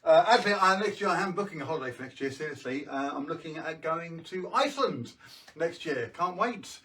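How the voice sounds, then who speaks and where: A man's voice: a little high, expressive, fairly quick, fairly bright tone, far from the mic, slight background noise. A British man doing jokey kids' party magician patter, presenting tricks on a live show with casual asides to viewers. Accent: British English.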